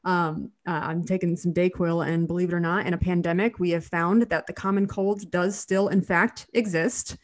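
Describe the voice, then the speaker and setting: A woman in her thirties, a dental hygienist, co-hosts a casual podcast from her home living room over a video call with a studio mic. Her fairly low voice has fairly even intonation, a moderate pace and few pauses. Slightly nasal from a cold, she's chatty and often restarts.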